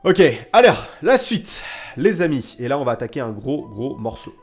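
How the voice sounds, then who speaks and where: With a mid-range voice full of big pitch swings, a man streams history stories to viewers at a moderate pace. He's casual and theatrical, echoing phrases to build suspense and stress points, while soft music plays behind him.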